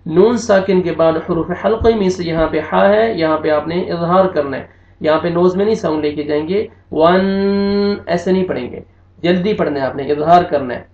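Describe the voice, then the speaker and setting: This Quran recitation teacher is a man whose slightly mellow voice leans high, and he talks briskly. He works patiently through the pronunciation rules step by step, spelling every word aloud. The sound quality is dull and lo-fi, with noticeable room echo.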